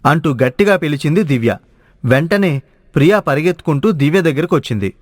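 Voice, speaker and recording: Dry, higher-voiced male storyteller. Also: a little fast, no echo. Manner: steady, storytelling. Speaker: narrator. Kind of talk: scripted storybook narration.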